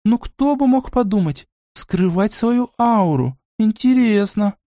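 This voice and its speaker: In this audiobook, a spoiled young noble girl voiced by a man speaks in a high, shrill tone, full of scorn and demands. The sound is dry and close, with no room behind it. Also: expressive, slow pace, warm tone, no room sound. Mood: astonished.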